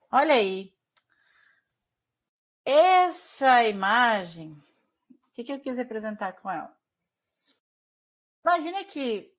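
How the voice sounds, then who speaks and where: A woman with a Brazilian accent teaching a Portuguese class over a video call, explaining slowly and often checking in with her students. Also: medium pitch. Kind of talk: online class lecture.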